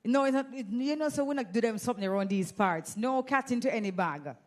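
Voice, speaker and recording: Her voice is fairly high with lively intonation, and she talks fast. She's a Jamaican woman hosting an event, joking with and teasing the audience over a handheld mic in energetic emcee style.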